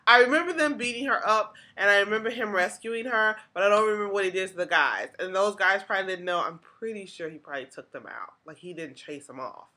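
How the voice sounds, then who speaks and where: Bright-voiced woman recapping an episode. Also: medium pitch, fast, few pauses. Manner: chatty, full of "like" and restarts. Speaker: podcast host.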